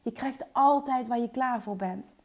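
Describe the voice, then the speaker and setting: A woman's voice: on the high side, a little slow. A woman entrepreneur giving an earnest motivational coaching talk, mixing in English phrases and sometimes dropping to a whisper. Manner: mixes English phrases into her speech.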